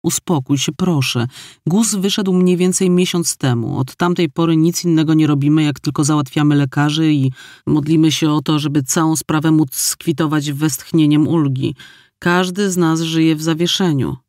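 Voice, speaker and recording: A man reading an audiobook, voicing young red-haired twin sisters who talk calmly and cheekily. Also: on the high side, normal speed, dry recording, clean studio sound, close to an everyday voice. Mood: cheeky.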